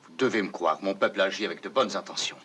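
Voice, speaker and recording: An actor playing a firm colony commander, terse and authoritative, in a dubbed science fiction series. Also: male voice, low voice, quick pace, a bit bright, breathy edge. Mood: resolute.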